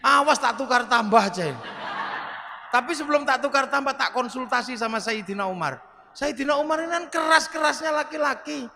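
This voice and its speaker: A middle-aged man giving a humorous sermon, telling stories in an animated way and acting out the voices. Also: very high-pitched, fairly quick, vocal fry. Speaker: preacher. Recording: reverberant hall, faint background noise.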